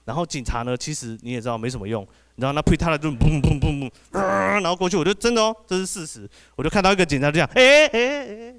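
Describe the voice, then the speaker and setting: A man with a Taiwanese Mandarin accent doing an animated stand-up set, often asking the audience "you know?". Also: on the high side, rapid-fire, hardly any pauses. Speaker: podcast host doing stand-up.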